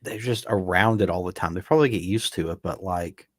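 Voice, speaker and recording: A man's voice: low voice, brisk, no echo, studio quality. A man co-hosting a casual movie commentary, rambling with frequent restarts. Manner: relaxed, rambling, talks in restarts. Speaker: podcast co-host. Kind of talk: casual film commentary chat.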